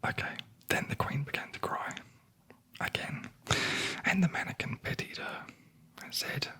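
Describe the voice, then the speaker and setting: A sleep story narrator whispering a fairy tale in a breathy ASMR voice, with dry, wry asides. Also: measured pace. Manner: wry, deadpan commenting on the story.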